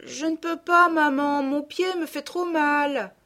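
A woman's voice: high-pitched, steady tone, slow, bright, forceful tone, voice pushed up, full character voice. A woman voicing a remorseful peasant girl who speaks in a tearful, contrite way in an audiobook. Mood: complaining. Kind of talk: audiobook character reading.

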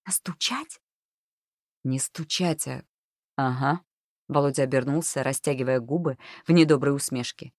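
Woman audiobook narrator, low voice, dry close sound, measured reading. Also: darkish tone, no echo. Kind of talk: scripted narration.

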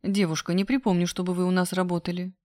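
A serious, formal hospital doctor, read by a woman narrating a novel. Low-set voice in a dry, close recording. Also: level tone, quick pace, a little mellow, dry recording, natural voice. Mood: stern. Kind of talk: audiobook character voice.

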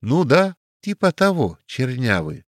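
A man voicing a rude, brash French police commissar who shouts insults at strangers. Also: medium pitch, sing-song, unhurried, dry recording, studio quality, pitched above the performer's own voice. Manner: shouting, insolent.

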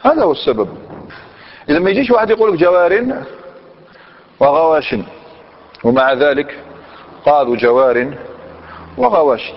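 A man's voice: a little high, expressive, normal speed, pauses often. Man teaching grammar in a reverberant hall. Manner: questions the class and repeats answers. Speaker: Islamic scholar teaching Arabic grammar. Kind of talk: classroom grammar lesson. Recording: dull lo-fi recording in a reverberant hall.

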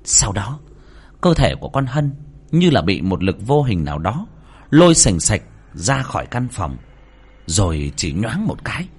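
A man's voice: on the low side, very animated, measured pace, breathy edge. A man reading a horror story aloud in a dramatic, swinging delivery, with faint music underneath. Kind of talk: scripted horror narration.

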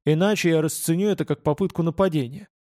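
A man voicing a sharp-tongued young male bodyguard who mocks and threatens in a higher voice than his narration. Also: quick pace, no room sound, studio quality, lightly acted. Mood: mocking. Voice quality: mocking, cutting.

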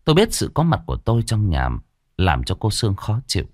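A man reading a horror story aloud in a dramatic, expressive way. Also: lowish voice, fairly quick, dry recording, studio quality. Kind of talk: scripted horror story narration.

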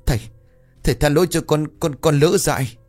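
A man's voice: medium pitch, big pitch swings, fairly quick, no room sound, faint music behind. A man voicing a guilty, terrified young village man who pleads and stammers before his father. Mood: pleading.

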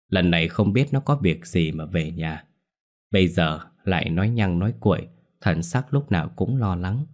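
A man narrating a ghost story in a calm, measured way. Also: low-pitched.

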